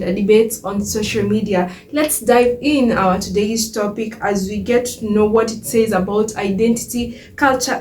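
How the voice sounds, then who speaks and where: A woman's voice: mid-range voice, darkish tone, slight background noise, poor audio. A woman hosting her commentary channel, opening the episode with a chatty, upbeat greeting. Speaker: channel host. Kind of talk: scripted video intro.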